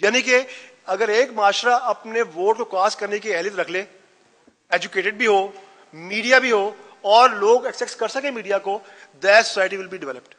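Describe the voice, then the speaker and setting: A man's voice: high voice, measured pace, bright, forceful tone. A man gives a conference lecture, mixing English phrases into his talk. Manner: mixes Hindi-Urdu with English phrases. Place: conference hall. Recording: long reverb of a hall.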